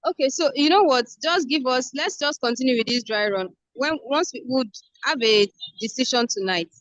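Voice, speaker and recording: A woman coordinating an online meeting, measured and organizing. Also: high voice, a bit bright, dry recording. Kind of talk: casual meeting chat. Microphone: video call. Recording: dull lo-fi online call.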